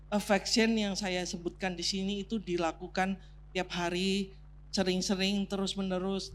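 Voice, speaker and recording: A woman's voice: on the low side, a little hiss or hum. A woman preaching a sermon on marriage as a counselor, teaching point by point, sprinkling in English terms and drawing the congregation in. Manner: prompts the congregation to take part, laughs along. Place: church sanctuary.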